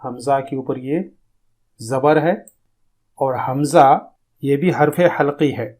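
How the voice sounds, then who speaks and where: A man teaching pronunciation in a recorded lesson, explaining calmly and drawing out demonstration sounds slowly. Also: mid-range voice. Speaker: tajweed teacher.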